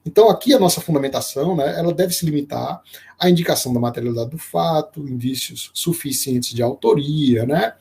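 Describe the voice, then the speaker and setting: A law professor streaming a lecture live, his voice sitting a little high for a man. He works through each point slowly, restarting phrases and leaning on fillers, and now and then he breaks off to greet someone watching. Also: vocal fry, darkish tone. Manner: explains slowly with many fillers and restarts, greets viewers by name.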